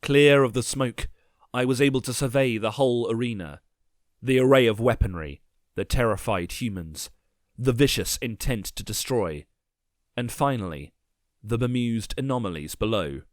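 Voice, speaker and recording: A man narrating a dark first-person story with measured, grim delivery. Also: mid-range voice, no room sound, clean studio sound.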